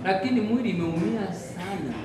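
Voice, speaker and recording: A man's voice: high-pitched, brisk, a crowd in the background. A middle-aged man with a Kenyan accent presenting a cooking demonstration as a chef, mixing English and Swahili and checking in with short tags. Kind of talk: live cooking demonstration, casual instruction. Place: hard-surfaced studio kitchen, indoors. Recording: echoey kitchen, distant mic, music.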